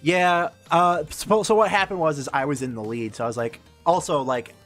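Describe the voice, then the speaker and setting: A man co-hosting a board game stream, chatting casually with friends and telling stories in halting restarts. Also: a little high, fairly bright tone, soft background music. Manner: rambling storyteller, halting restarts. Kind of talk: casual chat among friends.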